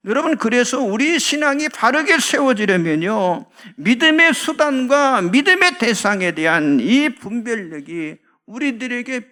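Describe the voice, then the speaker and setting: A man preaching a sermon in church, his voice pitched unusually high for a man. A gravelly rasp runs through his speech. He keeps turning to the congregation with earnest rhetorical questions. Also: a bit bright. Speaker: pastor. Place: church sanctuary.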